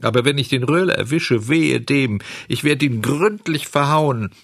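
A man's voice: mid-range voice, expressive, a little slow, vocal fry, no echo, clean studio sound, pitched above the performer's own voice. A man reading a storybook aloud, voicing a foolish, desperate wooden puppet boy who whines and sobs his pleas. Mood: sobbing. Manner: whiny, sobbing pleas.

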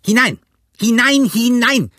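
A man's voice: extremely high pitch, lively intonation, slow pace, sharp tone, no room sound, studio quality, voice pushed up, full character voice. A man voicing a furious blind old pirate beggar who shrieks curses and barks orders at his gang. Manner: shrieking, cursing, barking orders. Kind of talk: audiobook character voice.

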